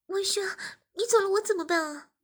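A woman's voice: extremely high pitch, a little fast, pitched above the performer's own voice. A woman voicing a shy young wife who gets flustered and pleads easily. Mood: upset pleading.

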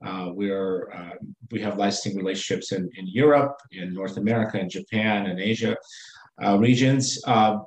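Low-voiced man in a roomy space. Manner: halting, many fillers and restarts. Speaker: company executive guest. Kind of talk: business interview.

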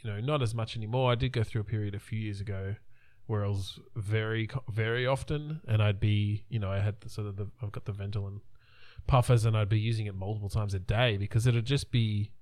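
Low-voiced man in his thirties, rambling. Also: fairly even intonation, fairly quick, a little mellow, no room sound. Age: 30s. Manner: rambling, restarts often, trails off. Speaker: podcast co-host. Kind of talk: casual chat.

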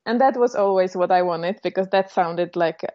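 A woman's voice: on the low side, moderate pace, muffled recording. A woman from the Czech Republic with a Czech accent, a native Czech speaker talking as a podcast guest, thoughtful and hesitant with many fillers. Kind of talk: casual podcast interview.

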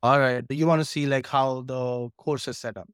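A man's voice: medium pitch, fairly even intonation, normal speed, fairly bright tone, clean tone, no room sound, studio quality. A man talking as an interview guest over a video call, eagerly walking through his material step by step. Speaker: guest course creator. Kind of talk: casual interview chat.

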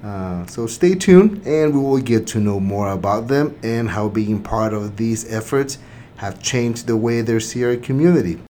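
A man's voice: fairly low pitch, unhurried, warm tone, slight background noise. A man from Mexico hosting a podcast and speaking in an earnest, reflective way, with many fillers and restarts. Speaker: host, center director. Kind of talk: podcast hosting and personal sharing.

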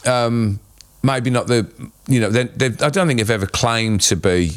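A man in his fifties with an English accent and a hoarse voice, chatting casually as a co-host in a rambling, matey, sweary way. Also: medium pitch, normal speed. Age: 50s. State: hoarse from screaming at a concert. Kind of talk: casual chat.

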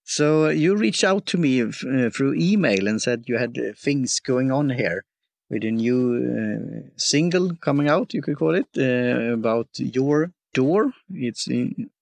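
Halting man hosting a podcast. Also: medium pitch, animated, gravelly, no echo. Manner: halting, searches for words, many restarts. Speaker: podcast host. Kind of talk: casual interview.

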